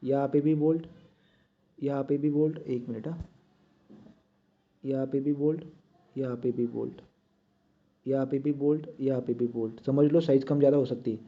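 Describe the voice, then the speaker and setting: A man's voice: medium pitch, steady tone, normal speed, long pauses. A man teaching a drawing lesson, talking as he draws and checking often with "right?". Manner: talks while drawing, many checks like "right?". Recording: dull lo-fi sound.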